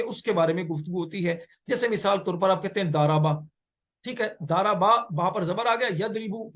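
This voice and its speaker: A man teaching Arabic grammar in a classroom lecture, explaining patiently, repeating key phrases and asking and answering his own questions. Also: sits high.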